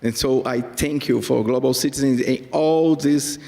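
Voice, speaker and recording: A man from Brazil with a Brazilian Portuguese accent, a state secretary on a panel, speaking halting English as he searches for words. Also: medium pitch, steady tone, creaky, dark tone, in a large hall.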